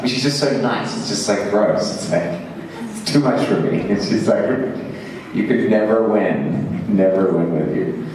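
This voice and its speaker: Deep-voiced man telling stories in an echoey hall. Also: a little slow, a little mellow, far from the mic, a little hiss or hum. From Zimbabwe. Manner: rambling and self-mocking, laughs often, many fillers. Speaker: actor answering fan questions on a panel. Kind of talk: convention Q&A storytelling. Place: large convention hall. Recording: echoey hall, mic heard from afar.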